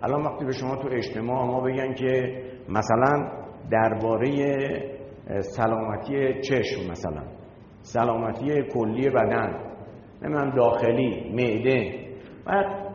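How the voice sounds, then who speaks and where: Man preaching in an echoey hall. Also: darkish tone. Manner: emphatic, argumentative, rhetorical questions. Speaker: religious lecturer. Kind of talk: sermon. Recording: echoey hall, dull lo-fi sound, faint rumble.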